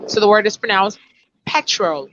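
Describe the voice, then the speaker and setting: A woman's voice: medium pitch, normal speed, a bit bright, lo-fi sound, slight background noise. A woman, a communication expert explaining and demonstrating word sounds in an online lesson over a video call. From Africa.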